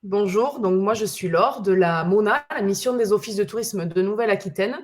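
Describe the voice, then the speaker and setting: A woman co-hosts a live online webinar and presents her organisation. She talks at a measured pace, pausing on fillers, and comes through a video call. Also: medium pitch. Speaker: co-host.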